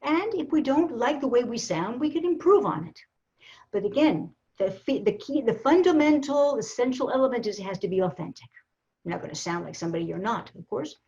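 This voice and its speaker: Lively woman coaching over a video call. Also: on the high side, a little fast. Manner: lively, emphatic, with repeated restarts. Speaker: communication coach. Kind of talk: presenting a virtual workshop. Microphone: laptop mic on a video call. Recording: slightly dull video-call audio.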